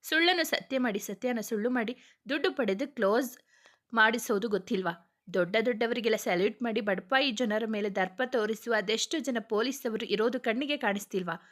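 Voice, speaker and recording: A woman's voice: a little high, fairly quick, fairly bright tone, close to an everyday voice. A woman reading the part of a worried young wife who pleads and argues emotionally. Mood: pleading.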